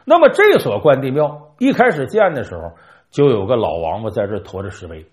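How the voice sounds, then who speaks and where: A man telling a comic folk tale in an animated, jokey way, acting out the characters' dialogue. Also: medium pitch, fairly quick. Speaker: storyteller.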